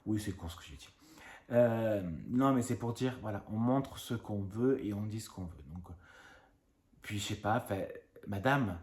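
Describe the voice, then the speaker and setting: Man, thirties, low voice, fast rambling vlog rant, echoey room. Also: a little mellow. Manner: fast-talking, rambling with many fillers. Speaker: YouTuber.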